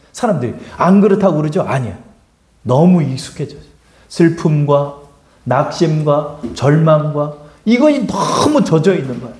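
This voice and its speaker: A man's voice: high-pitched, a little mellow, roomy sound. A man preaching a sermon as a pastor, emphatic, throwing rhetorical questions and acting out quotes. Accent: Seoul Korean. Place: church sanctuary.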